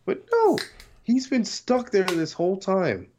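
A man's voice: high-pitched, huge pitch swings, measured pace, a little mellow, a little hiss or hum. A man co-hosting a podcast, chatting casually with slang and swearing, acting out reactions. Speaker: podcast co-host. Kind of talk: casual chat.

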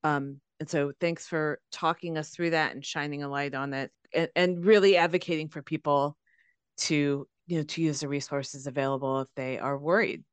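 Woman podcast cohost, lowish smooth voice, relaxed, dry close sound. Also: moderate pace, dry recording. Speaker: podcast co-host. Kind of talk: casual podcast chat.

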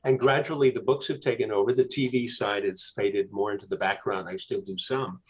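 A man, a guest author, telling a story in a casual interview, with animated emphasis. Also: fairly low pitch, a little fast.

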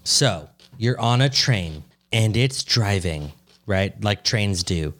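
A man's voice: fairly low pitch, expressive, takes it slowly, fairly bright tone. A man co-hosting a podcast in casual chat, swearing freely and teasing his co-host with mock outrage.

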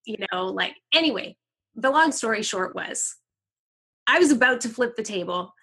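A middle-aged woman, a podcast guest, telling a personal story in candid conversation, animated and full of "like" fillers, swearing freely. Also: a little high, moderate pace, breathy edge.

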